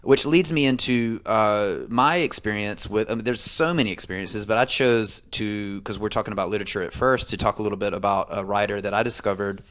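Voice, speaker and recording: A man's voice: on the low side, fairly quick, few pauses, fairly bright tone. A man co-hosting a podcast, asking probing questions and reflecting in casual chat. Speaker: podcast co-host.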